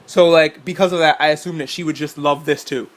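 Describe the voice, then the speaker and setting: A man's voice: a little high, fairly even intonation, brisk. A man co-hosting a casual reaction chat about a games showcase, rambling through his notes and swearing freely. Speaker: co-host.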